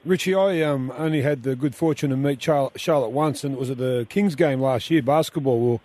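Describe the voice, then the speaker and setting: A man's voice: mid-range voice, brisk, dark tone. Hesitant male radio host. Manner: hesitant, many fillers. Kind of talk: radio interview.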